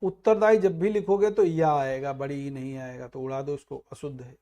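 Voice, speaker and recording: A male teacher running an exam prep grammar lesson, explaining each answer with everyday examples and dropping low and quiet on the answers. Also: fairly even intonation, moderate pace, highs cut off. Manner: explains with everyday examples, calls students "bhai".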